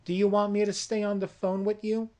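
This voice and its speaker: A performer voicing an emergency operator who talks quickly and soothingly. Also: medium pitch, level tone, a little mellow, close to an everyday voice. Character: calm brisk emergency operator.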